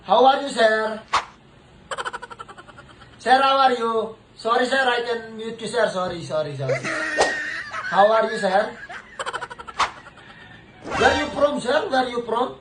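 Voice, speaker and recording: A Filipino man vlogging a prank call, speaking halting broken English and laughing often. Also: very high voice, expressive. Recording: echoey room, far from mic, noisy.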